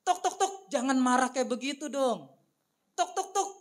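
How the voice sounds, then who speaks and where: A man's voice: very high-pitched, expressive, moderate pace, voice pushed up. A man acting out Jesus knocking at a door and coaxing people to repent, in a playful sing-song way.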